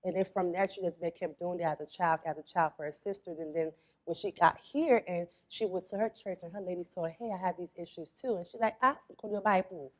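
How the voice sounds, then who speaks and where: A young adult woman from Florida, a spa owner, chatting as an interview guest in a relaxed, storytelling way. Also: fairly low pitch, fairly quick. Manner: relaxed storytelling, quotes her mother. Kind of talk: casual interview talk.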